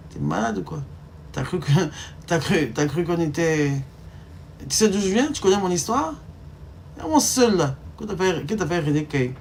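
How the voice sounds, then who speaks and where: Low-pitched and darkish, with a bit of hiss or hum, this is a thirtysomething Ivorian woman with an Ivorian French accent. She chats casually on her live stream, teasing emphatically and firing off rhetorical questions to viewers.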